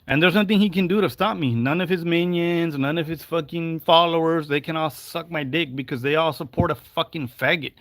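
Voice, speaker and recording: A man's voice: fairly high pitch, a little fast, hardly any pauses, a bit bright, no echo. Heated, cursing man in his forties. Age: 40s. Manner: profane, heated, mixes in Spanish phrases. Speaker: livestreamer. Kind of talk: angry livestream rant.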